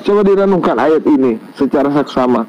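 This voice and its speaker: A man's voice: a little high, lively intonation, slight background noise. Insistent man debating, lo-fi sound. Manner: insistent, interrupting, reads verses slowly and emphatically. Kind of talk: heated online debate.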